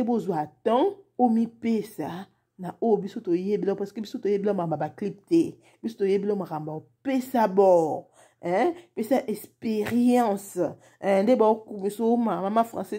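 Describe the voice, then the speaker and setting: A woman's voice: a little high, dark tone, breathy edge. A woman hosting a casual live stream, exclamatory and chatty, greeting viewers by name and tagging her lines with "hein?". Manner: code-switches, many "hein?" tags.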